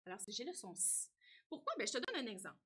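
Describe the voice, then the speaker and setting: A woman's voice: a little high, very animated, fast talker, a bit bright, breathy edge. A woman teacher with a Québécois French accent who gives a spelling lesson to young children, talks to the child directly and keeps asking "hein?".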